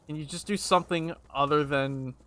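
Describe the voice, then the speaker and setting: A young man streaming a video game, muttering sarcastic commentary, swearing and yelling at enemies. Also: a little high, normal speed. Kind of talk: casual gameplay commentary.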